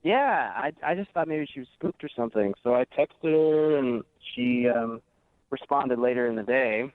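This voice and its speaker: This caller has a mid-range voice and a moderate pace, with no echo. Chatting casually, he relates his story to the radio show through a dry, narrow phone line.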